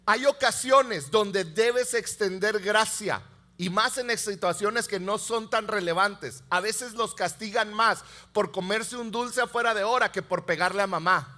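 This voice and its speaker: Male pastor, 30s; high, bright voice; lively sermon delivery, loud to hushed. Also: a little slow. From Mexico. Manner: animated storytelling, swings from loud to hushed.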